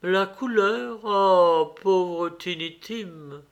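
A man reading an audiobook, voicing the worried, gentle mother of a poor family in a soft, tender manner. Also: high-pitched, measured pace, pitched above the performer's own voice. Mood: weary tender. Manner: soft, tender, steadying herself.

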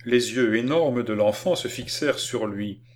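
A man reading an audiobook of a classic novel with measured, expressive narration. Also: mid-range voice, a little hiss or hum. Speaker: audiobook reader.

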